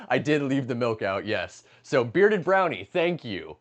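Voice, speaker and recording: A man's voice: mid-range voice, sing-song, slow. A man in his late twenties chatting casually and profanely with his livestream chat while he cooks, joking and reading messages aloud. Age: late 20s. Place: home kitchen, stepping outside to smoke.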